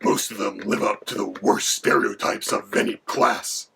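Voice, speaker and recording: A haughty, hungry male dragon, voiced by a man, speaking low in a rough, creaky, breathy rasp. He delivers facts in a lofty, deadpan way. The recording carries a steady hiss of background noise. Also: moderate pace, heavily acted. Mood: lecturing. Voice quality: gravelly, creaky, partly whispered. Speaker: co-host.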